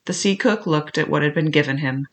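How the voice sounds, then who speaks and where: An audiobook reader narrating an adventure tale in a measured, plain way. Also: mid-range voice, fairly bright tone. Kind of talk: storybook narration.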